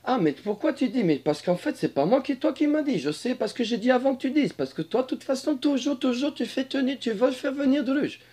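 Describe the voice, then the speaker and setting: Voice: brisk, hardly any pauses, husky. A person joking among friends, speaking broken French in a put-on Slavic accent. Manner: lively, joking, pitch jumping around. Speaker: amateur radio joker. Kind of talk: playful banter among friends.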